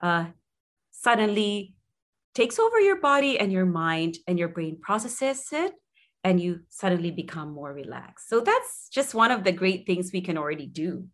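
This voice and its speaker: A woman's voice: fairly low pitch, very animated, normal speed, fairly bright tone. A woman speaking as a sleep consultant in an interview, explaining conversationally and encouragingly, often repeating phrases for emphasis.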